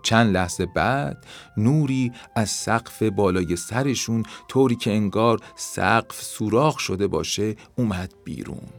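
A man calmly narrating a children's story in a measured reading voice. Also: fairly low pitch, faint music behind.

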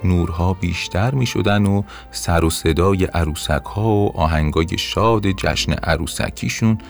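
A man narrating a bedtime story in a gentle, expressive way. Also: low-pitched, vocal fry. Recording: soft music under narration.

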